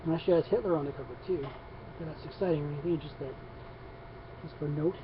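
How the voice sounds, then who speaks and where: Guy rambling about his comics at home, kinda high voice, muffled lo-fi recording. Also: fast talker. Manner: rambling, many restarts and fillers. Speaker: comics vlogger. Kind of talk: casual comic haul video. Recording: dull lo-fi sound with faint noise.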